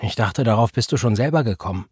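A man's voice: medium pitch, animated, fast talker, a little mellow, breathy edge, no echo, studio quality. A man reading the part of a bitter, defiant young pregnant woman who speaks in a cold, taunting, accusing way.

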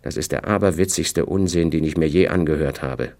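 A man reading the lines of a composed, reserved grown woman in an audiobook, barely shifting his own deep voice. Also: a little fast, a little mellow. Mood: cold.

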